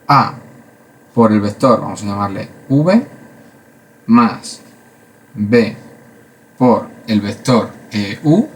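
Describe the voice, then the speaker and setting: A man's voice: mid-range voice, a little hiss or hum. A man from Spain giving a casual math lesson, chatty and full of fillers and asides. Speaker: math teacher.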